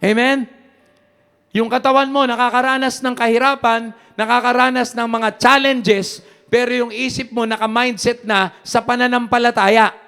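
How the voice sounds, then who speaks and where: A man's voice: very high-pitched, flat delivery, moderate pace, pushed and bright, clean tone, in a large hall. A man preaching a sermon as pastor, mixing Tagalog and English and leading the congregation in call-and-response. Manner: switches between Tagalog and English. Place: church.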